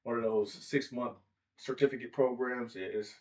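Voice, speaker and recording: A man's voice: mid-range voice, fairly even intonation, moderate pace, darkish tone. A man hosting a podcast in a casual, playful, joking chat. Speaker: podcast host. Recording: distant from the mic.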